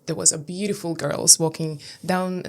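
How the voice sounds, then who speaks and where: Lithuanian-accented woman, low voice. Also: steady tone, normal speed, gravelly, a little mellow. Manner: hesitant, many fillers, non-native grammar. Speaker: guest, pageant titleholder. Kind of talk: interview answers.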